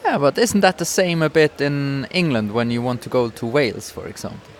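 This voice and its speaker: A man with a Swiss accent keeps up casual conversation as co-host of a podcast recorded in a busy town square, now and then groping for English vocabulary. His medium-pitched voice moves fairly quickly.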